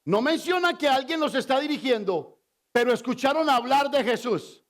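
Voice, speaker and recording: A man's voice: very high voice, lively intonation, moderate pace. A male pastor preaching a sermon with emphasis, asking the congregation questions as he goes.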